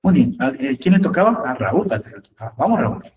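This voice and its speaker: A man's voice: mid-range voice, big pitch swings, a little mellow, recorded from a distance, low-quality recording. Patient man teaching English, set back from the mic. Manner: patient, repeats words slowly, asks "¿no?". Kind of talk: online class, explaining in Spanish.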